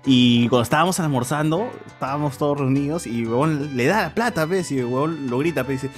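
A man's voice: on the high side, fairly quick. A man co-hosting a casual podcast, telling stories animatedly with slang and swearing. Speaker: podcast co-host. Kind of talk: casual group podcast chat. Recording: background music under the talk. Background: music.

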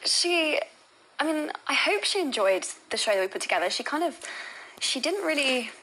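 A woman's voice: sits high, very animated, moderate pace, pushed and bright, low-quality recording. A young woman with an English accent, chatting as an interview guest in a casual, self-deprecating way with lots of fillers. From England. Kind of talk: casual talk show chat.

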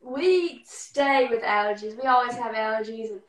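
A woman's voice: a little high, fairly even intonation, fairly quick. A female singer, a guest on a podcast, sounding stuffy and congested and talking in a breezy, giggly way. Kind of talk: casual interview chat. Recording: roomy, distant from the mic.

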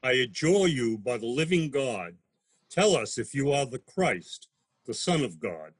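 A man reading the part of a stern high priest in a dramatized scripture reading, solemn and measured. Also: big pitch swings, breathy edge, dry recording. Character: stern male high priest accusing a prisoner.

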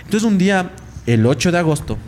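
A man's voice: high voice, very animated, brisk, a little mellow, slight background noise. A young man, telling a rambling ghost story in casual chat and mimicking the voices in it. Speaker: podcast host.

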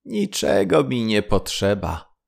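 A poor young fisherman from a fairy tale speaks in a hearty, carefree voice, done by a man. His voice is low and gravelly, and he speaks slowly, with loud, lively swings. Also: heavily acted. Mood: amused.

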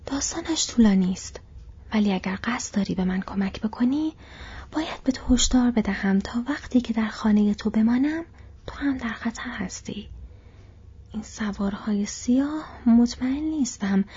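A woman voicing a tired, anxious young male hobbit in a breathy whisper, as whispered role-play in a storybook reading. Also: on the high side, mellow, lo-fi sound.

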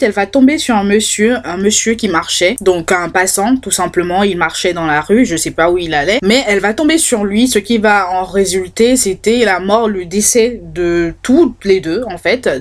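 A woman hosting a true-crime podcast, talking casually and hesitantly, with lots of fillers and restarts. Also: mid-range voice. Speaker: podcast host.

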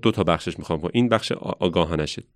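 A man who works as a science educator, telling stories in a relaxed conversational way and thinking aloud as he reflects. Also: deep voice, no room sound, studio quality. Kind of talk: casual conversational storytelling.

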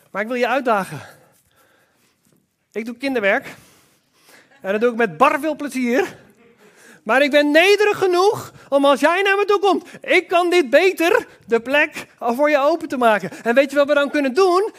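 A man's voice: very high voice, lively intonation, normal speed, long pauses, fairly bright tone. A man giving a church sermon, who talks with enthusiasm, throws in exclamations and speaks straight to the congregation. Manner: addresses the congregation directly. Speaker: preacher.

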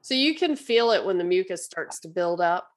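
Lowish-voiced woman, emphatic interviewer. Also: animated, normal speed, a little hiss or hum. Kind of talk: conversational interview.

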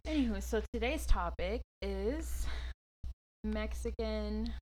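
A woman's voice: medium pitch, slow, darkish tone, slight background noise, rough recording. A woman co-hosting a podcast in casual chat, informal and blunt with a teasing way of talking. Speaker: podcast co-host.

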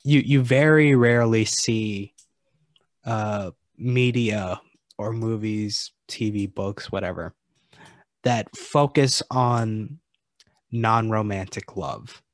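A man's voice: lowish voice, takes it slowly, dry recording. Thoughtful, hesitant man on a dry mic. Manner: thoughtful, hesitant, stammers at starts. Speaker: podcast co-host. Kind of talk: casual movie discussion.

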